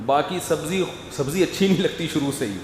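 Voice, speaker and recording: A man preaching a sermon, animated and acting out family scenes. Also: on the high side, slight background noise. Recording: echoey hall, faint ambience.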